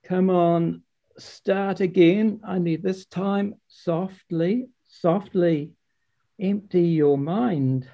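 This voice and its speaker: A man's voice: high voice, gravelly, lo-fi sound, voice pushed up, exaggerated voice. A man doing Father Frost, a stammering old sage. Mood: patient, coaxing. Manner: stutters on words with t, slow and soft. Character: stammering old male sage teaching flight.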